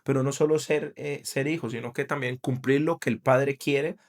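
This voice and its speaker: Man, middle-aged, earnest, thinks aloud, casual faith podcast chat, mid-pitched. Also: fairly even intonation, normal speed. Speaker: podcast co-host.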